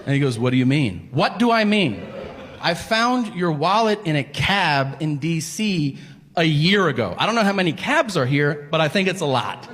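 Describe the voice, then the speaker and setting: A man performing a stand-up routine, telling a story with exasperation and acting out flat, deadpan characters. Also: a little high, normal speed. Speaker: stand-up comedian. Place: comedy stage before a live audience. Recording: long hall reverb, faint ambient noise.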